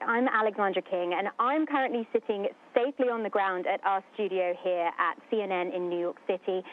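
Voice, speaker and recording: Woman news host on a tinny phone-like line. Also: mid-range voice. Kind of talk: live broadcast interviewing. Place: studio, heard over a link. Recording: narrow tinny phone-like radio link.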